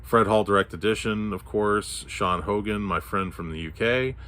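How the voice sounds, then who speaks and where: Speaking at normal speed in a lowish, slightly bright voice, a man from Texas rambles through a casual chat about his comic book haul, with fillers and restarts. Allergies have made his voice hoarse and scratchy.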